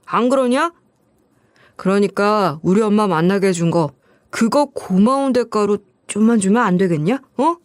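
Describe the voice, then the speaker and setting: A woman's voice: mid-range voice, expressive, moderate pace, no echo, studio quality, lightly acted. A woman voicing a greedy, scornful middle-aged ex-husband who wheedles and sneers in coarse speech. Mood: pleading.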